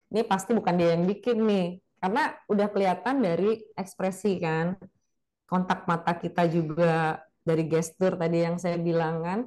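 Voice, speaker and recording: A woman gives a casual spoken lecture in a webinar on public speaking, chatty and lively, demonstrating different intonations. Her voice is lowish, picked up by a video call mic.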